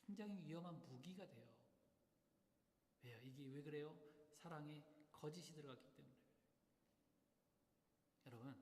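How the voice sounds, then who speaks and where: Male pastor, slightly high voice, emphatic sermon delivery with many rhetorical questions, recorded in a reverberant church hall. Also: a little mellow. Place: church sanctuary. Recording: echoey hall, long reverb.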